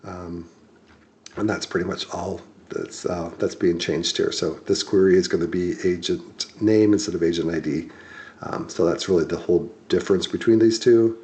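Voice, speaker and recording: A low-voiced man leads a screen-share coding walkthrough. He explains at an easygoing pace, stopping for ums and restarting his sentences as he goes. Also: normal speed. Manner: relaxed, many ums and restarts while explaining. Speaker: software tutorial instructor.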